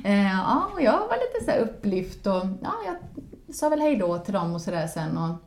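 A woman in casual spoken storytelling who laughs often and swings into lively exclamations. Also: medium pitch, slight background noise. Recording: roomy echo.

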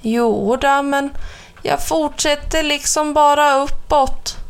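A woman voicing a gentle, polite, slow-witted small male bear in a storybook reading, with a mild, somewhat worried manner. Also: high-pitched, smooth, pitched above the performer's own voice.

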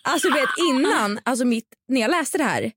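Animated young woman podcast co-host. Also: high voice, slightly rough. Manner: animated storytelling with quoted inner voice. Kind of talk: casual chat.

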